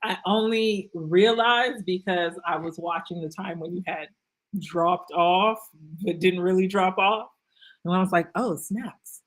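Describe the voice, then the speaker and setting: A woman chatting casually as a livestream guest, relaxed and laughing easily. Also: on the low side, measured pace, rough recording. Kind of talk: casual chat.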